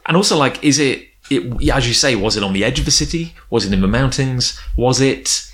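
A man's voice: mid-range voice, expressive, fairly quick, a bit bright. A man co-hosting a casual podcast chat, rambling and hesitant, full of likes and uhs. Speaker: podcast co-host. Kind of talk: casual chat recapping an anime episode.

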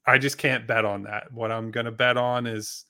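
Bright, blunt man arguing sports. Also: mid-range voice, level tone, normal speed, creaky. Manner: blunt and emphatic, swears freely, lots of restarts. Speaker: sports podcast co-host. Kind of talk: casual sports debate.

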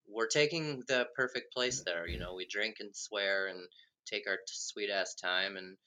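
Podcast host, bright voice, casual, swears a lot. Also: deep voice, moderate pace. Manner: swearing, joking. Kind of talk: casual chat.

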